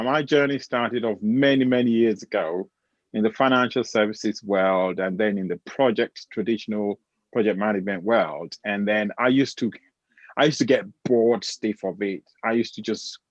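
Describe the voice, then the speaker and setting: Male transformation coach, low, direct, dry lo-fi call sound. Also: dry recording. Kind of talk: panel introduction.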